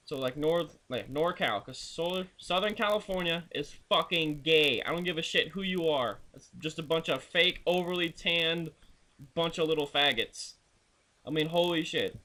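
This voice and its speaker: A man's voice: fairly high pitch, normal speed, pushed and bright. A young man in a video blog, ranting crudely and swearing constantly while telling road trip stories. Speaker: vlogger. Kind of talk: profane ranting vlog.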